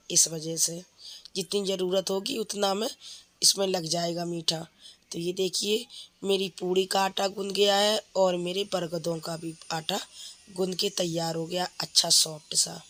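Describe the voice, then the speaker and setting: A woman's voice: lowish voice, a bit bright. Woman, 30s, home cook vlogger; feverish, chatty, talks in a level, unvaried tone. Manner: chatty, explains each step of cooking. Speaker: vlogger, mother. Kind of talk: casual cooking vlog chat. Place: home kitchen.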